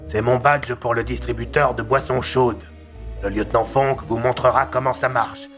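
A man voicing a blunt male police commissioner with a gravelly, husky voice. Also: mid-range voice, steady tone, moderate pace, a bit bright, soft background music, natural voice.

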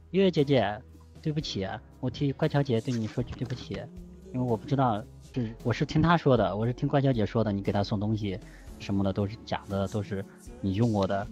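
A man in casual voice chat while gaming who apologizes in a hurried, stumbling way. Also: mid-range voice, darkish tone. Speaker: gaming teammate.

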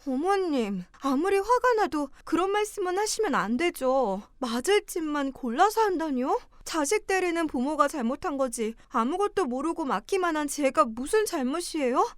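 Woman playing a hurt young daughter-in-law, polite, pleading, kinda high voice. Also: expressive, normal speed, few pauses, dry recording, clean studio sound. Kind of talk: audio drama acting.

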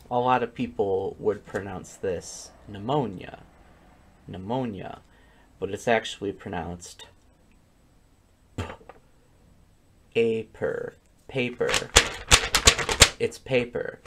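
A man doing comedic gameplay commentary, deadpan one-liners that break into excited yelling. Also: fairly low pitch.

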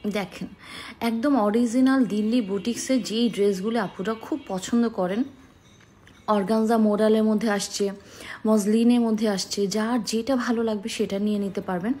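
Woman in her thirties, boutique sales vlog, eager and persuasive, warm mellow tone, small shop indoors. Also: medium pitch, steady tone, moderate pace. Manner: enthusiastic, persuasive, addresses viewers as sisters. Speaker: boutique owner showing dresses.

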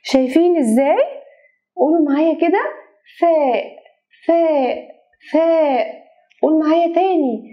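A woman's voice: sits high, normal speed, pauses often, lo-fi sound. A woman with an Egyptian accent teaching kindergartners their letters, drawing out the sounds in a coaxing sing-song way. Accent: Egyptian Arabic. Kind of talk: children's phonics lesson.

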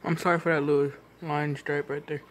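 A man's voice: on the high side, little pitch movement, a little fast. A young man talking casually with many ums and restarts while filming a ceiling fan at home. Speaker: ceiling fan channel host. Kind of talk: casual vlog commentary.

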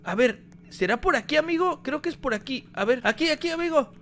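A man giving energetic gameplay commentary, talking straight to his viewers. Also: very high-pitched, brisk, slight background noise. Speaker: gaming YouTuber.

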